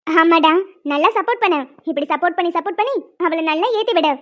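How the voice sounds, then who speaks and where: In a cartoon, a woman voices a harsh, bossy, middle-aged stepmother who scolds and threatens. Her voice is very high-pitched and animated, moving at a quick pace, and the recording has a dull lo-fi sound.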